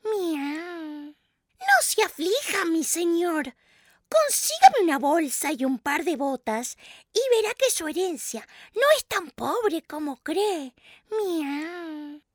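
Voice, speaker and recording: A woman's voice: very animated, takes it slowly, dry recording, clean studio sound, full character voice. A woman voicing a sly, scheming talking cat who meows and coaxes, in a storybook reading. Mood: coaxing. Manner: meowing, high and coaxing.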